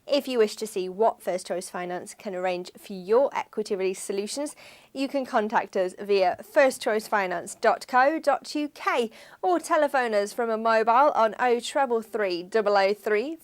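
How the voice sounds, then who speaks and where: A woman reading a scripted news-style voice-over for a finance firm in an even, measured way. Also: on the high side. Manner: even, measured read of figures.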